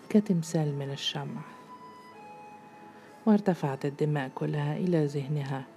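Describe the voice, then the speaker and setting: A woman storyteller reads a literary story in a slow, measured, intimate way. Her voice is low and dark with a gravelly grain. Faint music runs underneath.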